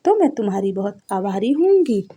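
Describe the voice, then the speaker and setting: A woman's voice: medium pitch, very animated, moderate pace, mellow, husky. A woman reading a devotional story, voicing a poor, mistreated young wife who pleads humbly. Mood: polite. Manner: pleading, tearful.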